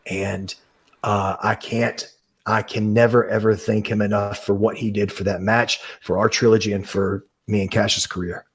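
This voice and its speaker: A man's voice: on the low side, level tone, moderate pace, slightly rough. A man in his thirties, a guest on a podcast, telling a story in an earnest, emotional way and swearing freely. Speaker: professional wrestler, guest.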